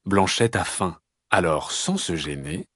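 A man reading a children's story aloud in an expressive, lilting storyteller's voice. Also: low voice, measured pace, no echo, studio quality.

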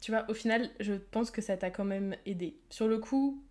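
A woman's voice: mid-range voice, moderate pace. A young woman from France hosting a podcast, chatting casually and prompting her guest with encouraging follow-up questions. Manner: warm-hearted, encouraging interviewer asking follow-ups. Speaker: podcast host. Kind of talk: casual chat.

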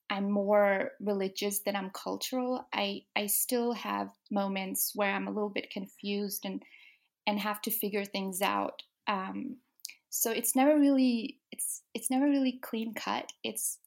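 A young woman from Denmark, an author interviewed as a guest, speaking softly with many ums and restarts. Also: mid-range voice, creaky. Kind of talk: casual interview.

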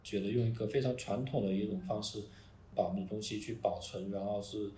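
A man who runs an art organization, talking in a casual podcast and pausing often to restart his thoughts. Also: on the low side, fairly even intonation, mellow. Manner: halting, many restarts and fillers. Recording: roomy with faint noise.

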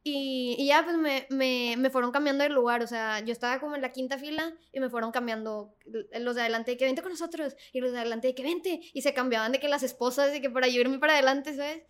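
A young woman telling a story as an interview guest, animated, laughing often and full of fillers. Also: sits high, fast, few pauses, smooth. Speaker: guest singer. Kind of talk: casual storytelling.

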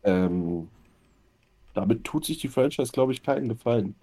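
A man's voice: mid-range voice, expressive, moderate pace, warm tone, husky. A man co-hosting a casual podcast, talking bluntly and with strong opinions, cursing now and then. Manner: blunt, opinionated, swears freely. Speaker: podcast co-host.

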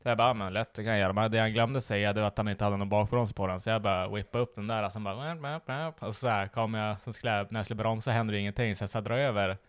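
A young man telling a funny story in casual chat, laughing often and mimicking people in squealing high voices. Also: level tone, few pauses, clear, resonant tone, no room sound, studio quality.

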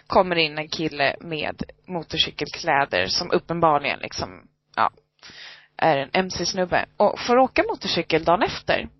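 A woman's voice: low-pitched, sing-song, no room sound. A woman telling stories in a casual chat, acting out other people's lines as she goes. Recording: dry, slightly dull lo-fi sound.

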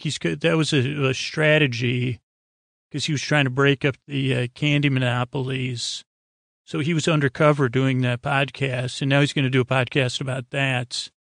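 In a medium-pitched, creaky voice, a man hosting a bedtime podcast wanders gently off topic. The studio sound is clean with no echo. His halting monologue loops back, trails off mid-thought, and spins into silly, whimsical tangents.

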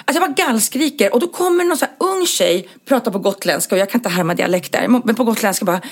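A woman telling a comic, self-mocking story in casual chat, lively and full of fillers. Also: on the high side. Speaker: podcast co-host telling stories.

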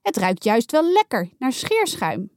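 A woman's voice: fairly high pitch, very animated, unhurried, no room sound, studio quality. A woman voicing a firm, weary mother who speaks sternly but patiently.

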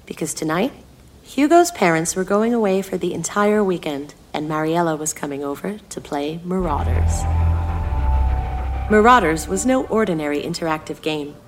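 A woman with a fairly low voice reads her own story aloud, expressive and paced for suspense. Faint music sits under her narration. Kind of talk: storytelling reading.

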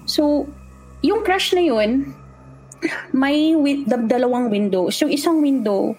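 Animated high-voiced woman from the Philippines. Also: slow, low-quality recording. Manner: animated, acts out what the children said. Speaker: guest telling a true horror story. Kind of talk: casual storytelling, mixing Tagalog and English.

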